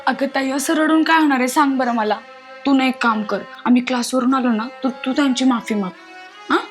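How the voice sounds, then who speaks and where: Brisk, coaxing sister-in-law, high voice, woman actor. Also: fairly even intonation, faint music behind, lightly acted. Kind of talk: web series drama acting.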